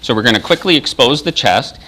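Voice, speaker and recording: A man's voice: mid-range voice, expressive, a little fast, sharp tone. An American man, an emergency services coordinator, giving a procedural instructional demonstration and explaining each step.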